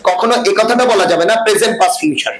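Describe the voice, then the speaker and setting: High-voiced man teaching a noisy class. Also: rapid-fire, crowd noise. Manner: asks the class frequent check-in questions. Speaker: English teacher. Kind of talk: classroom lecture. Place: classroom with students. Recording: echoey room with class noise.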